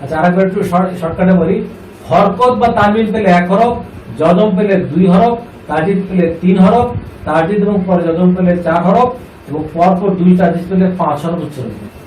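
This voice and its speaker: Fairly quick and a little mellow, a man with a fairly high voice runs a classroom Quran reading lesson built on call and response. He asks, repeats what students answer, and draws out syllables in chant, heard from afar in an echoey space with a soft hiss behind.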